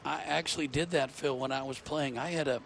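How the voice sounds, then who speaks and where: A man's voice: medium pitch, fairly even intonation, a little fast, gravelly, music in the background. A man giving live golf commentary, explaining technique in a conversational analyst's way. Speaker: golf commentator, former player.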